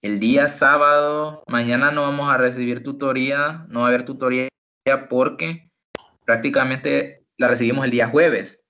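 A man tutoring English online, slowly explaining and drilling example phrases. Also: mid-range voice, steady tone. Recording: dull lo-fi online call audio.

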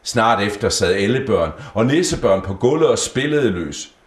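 Deep-voiced man reading a Christmas story. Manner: gentle, lively storybook reading. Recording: roomy echo.

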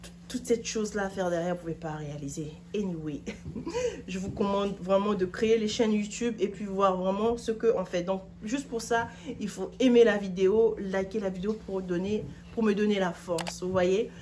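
A thirty-something fashion vlogger chats to camera from her living room couch, offering an opinionated casual outfit review. Her voice is dark in tone, medium in pitch, and moderate in pace, with a little hiss or hum in the recording.

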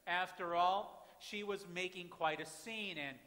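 Male pastor, slow and dramatic from hush to loud, reverberant sanctuary. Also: high voice. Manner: dramatic preaching, swings from hushed to loud. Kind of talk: sermon. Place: church sanctuary with congregation. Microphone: far camera at back of church. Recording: reverberant church from far off.

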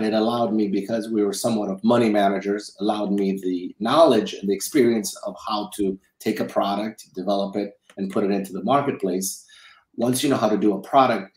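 A man's voice: fairly low pitch, fairly even intonation, brisk, darkish tone, echoey room, poor audio. A middle-aged man from Romania, a guest in a casual interview, talking from a home office over a webcam, rambling and repeating words as he thinks. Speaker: guest, film financier. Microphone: video call webcam.

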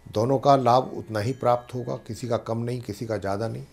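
A man, an astrologer and pandit, calmly explaining planetary mantras and slowly chanting them. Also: mid-range voice, gravelly. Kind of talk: devotional teaching talk.

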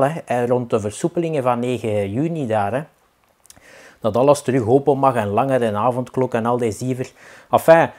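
A man from the Flemish Brabant countryside with a Flemish accent, hosting a rambling, deadpan comic monologue full of fillers. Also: mid-range voice. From Pajottenland, Flemish Brabant, Belgium. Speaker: comedy vlog host.

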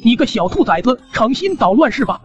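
A man voicing a grumpy, bossy old male neighbor who scolds and shouts insults. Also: extremely high pitch, big pitch swings, fairly quick, highs cut off, faint music behind, voice pushed up. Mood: angry.

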